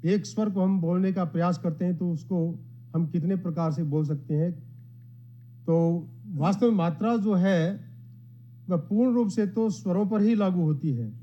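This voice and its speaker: A man giving a formal conference lecture in a measured, explanatory way, reciting Sanskrit verses between his points. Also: high voice. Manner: modest, addresses the gathering. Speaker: academic speaker at a conference. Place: conference hall. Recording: dull lo-fi sound.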